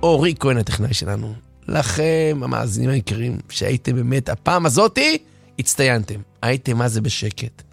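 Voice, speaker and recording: A man giving an impassioned late-night radio sermon, hoarse and animated. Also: mid-range voice, no echo, faint music behind. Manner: animated, impassioned, acts out stories. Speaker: radio preacher. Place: radio studio.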